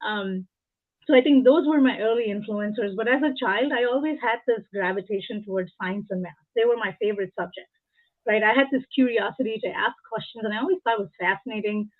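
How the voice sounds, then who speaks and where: An Indian woman in her forties, an engineering leader, speaks as an interview guest in an earnest, reflective manner, drawing on personal examples. Her voice is mid-range and fairly quick, heard over tinny, phone-like call audio.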